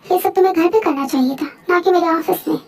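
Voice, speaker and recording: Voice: extremely high pitch, fast talker, vocal fry, faint music behind. A dubber voicing a grumpy, curt young man in a fan dub.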